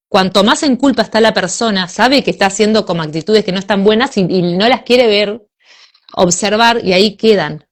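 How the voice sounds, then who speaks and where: A woman with a Rioplatense Spanish accent and a mid-range voice chats casually about spiritual matters, animated, sighing as she acts out inner voices.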